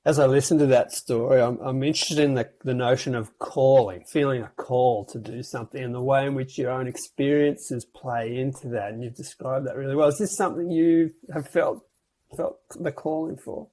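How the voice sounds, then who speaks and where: Mellow-voiced thoughtful male interviewer. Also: mid-range voice, steady tone, normal speed. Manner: thoughtful, hesitant restarts. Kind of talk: interview conversation.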